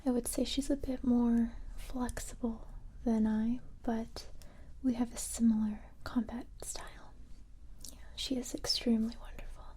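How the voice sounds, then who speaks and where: Woman playing Jill Valentine, whispering calm recruiter. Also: a little high. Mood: calm, confiding. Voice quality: breathy, whispered. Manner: gentle, unhurried, hushed, matter-of-fact. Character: calm, confident female police special-forces recruiter. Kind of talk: soft-spoken ASMR roleplay.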